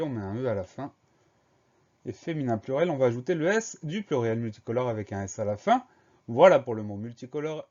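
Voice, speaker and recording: A man's voice: medium pitch, mellow. A man teaching a dictation lesson, patiently spelling out each word letter by letter. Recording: muffled, lo-fi recording.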